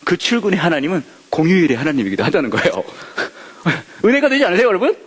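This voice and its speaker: A man's voice: sits high, fast talker, breathy edge, big-room sound. A male pastor teaching a Bible study, who keeps asking the audience questions and joking. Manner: lively, asks the audience questions and jokes.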